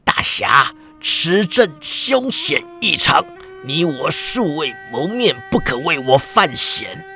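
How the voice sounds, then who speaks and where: A man voicing a wounded captive in his fifties, speaking hoarse and quiet. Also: on the high side, big pitch swings, takes it slowly, soft background music, heavily acted. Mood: weak, stubborn. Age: 50s.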